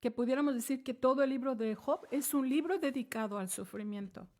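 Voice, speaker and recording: A woman's voice: high voice, a little fast, darkish tone. A woman giving a devotional talk to other women, earnest and pleading, often calling her listener sister. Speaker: women's ministry speaker. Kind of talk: devotional teaching.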